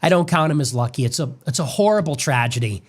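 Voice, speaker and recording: This male political commentator's voice sits on the high side, with lively intonation and a quick pace. He gives a grave, preacherly monologue about death and faith, heavy with long lists, replayed from an original stream.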